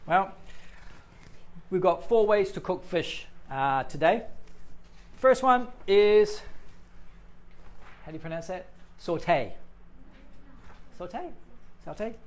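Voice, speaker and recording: A middle-aged man teaches English on a live stream in a loose, joking manner. His voice sits slightly higher than most men's. He chats with viewers as he explains. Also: lively intonation, slow, pauses often. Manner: chatty and playful, jokes with viewers.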